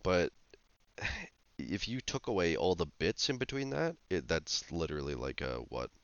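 A podcast co-host with a low, very animated voice talks unhurriedly and casually about a film, sounding hesitant and critical and using lots of fillers. The recording is dry and muffled.

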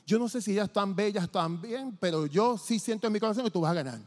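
A man giving a testimony from the pulpit, telling his story in an animated way and acting out the dialogue. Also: high voice, quick pace. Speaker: church testimony speaker. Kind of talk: testimony preaching. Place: church sanctuary. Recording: long church reverb.

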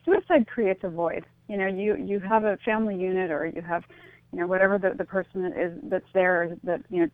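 Calling into a radio show, a middle-aged woman explains her views in an earnest, reflective way and keeps dropping "you know." She speaks a little fast at a fairly low pitch with fairly even intonation. The thin phone line is dry, with no echo.

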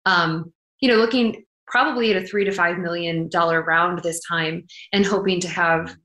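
A woman's voice: fairly low pitch, steady tone, normal speed, bright, forceful tone. A woman being interviewed as a startup founder, speaking candidly and conversationally in jargon-heavy tech-founder talk. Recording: roomy, echoing sound.

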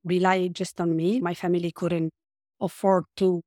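A woman's voice: lowish voice, flat delivery, normal speed, darkish tone, no room sound, studio quality. A woman with a Romanian accent, talking earnestly as a podcast guest and often searching for her words. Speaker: podcast guest, life coach. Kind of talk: casual interview talk.

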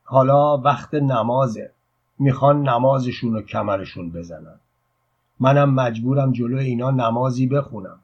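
Man doing a husky, crafty beggar preacher. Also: mid-range voice, highs cut off. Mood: scheming. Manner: chanting, then pleading and brash. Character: sly scheming beggar preacher, middle-aged man.

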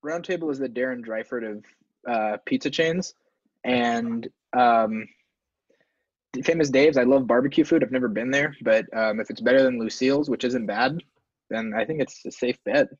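A man's voice: mid-range voice, moderate pace, no room sound. A man co-hosting a casual podcast, talking in an emphatic, complaining way. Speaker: podcast co-host. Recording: dull, dry lo-fi mic.

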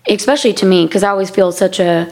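A woman in a casual faith-centred conversation in a church prayer room, speaking in halting, circling sentences. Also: medium pitch, darkish tone. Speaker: podcast conversation partner.

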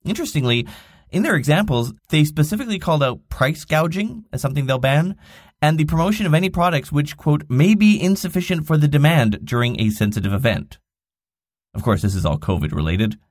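A man's voice: on the high side, lively intonation, brisk, dry recording. A man hosting a daily digital marketing news podcast, reading the stories with wry, dry asides. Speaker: podcast host.

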